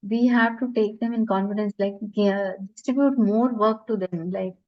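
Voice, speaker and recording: A woman's voice: medium pitch, fairly even intonation, moderate pace. Woman trainer on lo-fi video call. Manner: earnest, advice-giving, many hesitations. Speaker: teacher trainer answering questions. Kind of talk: online webinar Q&A. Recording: lo-fi online call audio.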